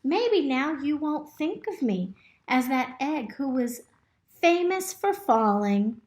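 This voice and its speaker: A woman reading a picture book aloud to young children in an expressive, instructive way, pausing to ask them simple questions. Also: sits high. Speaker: storybook reader. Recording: roomy, echoey indoor recording.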